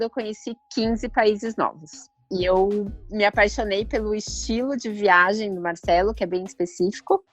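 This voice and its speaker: A woman in her forties, a journalist, introducing herself as a podcast guest in a relaxed, unhurried way. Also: medium pitch, lo-fi sound. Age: 40s. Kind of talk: casual interview talk.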